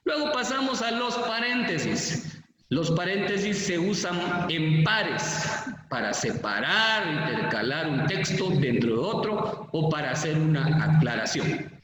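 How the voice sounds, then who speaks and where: A man's voice: on the high side, big pitch swings, measured pace, a bit bright. A man with a Guatemalan Spanish accent teaching a school lesson, explaining patiently with many examples and fillers. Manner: explanatory, repeats and lists examples, uses fillers like pues. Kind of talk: spoken classroom lesson. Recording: echoey room, far from mic, faint noise.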